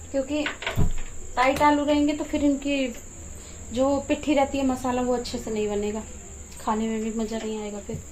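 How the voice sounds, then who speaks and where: Chatty high-voiced woman vlogger. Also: background noise. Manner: chatty, explains while doing chores. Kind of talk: casual home vlog chat. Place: home kitchen and yard.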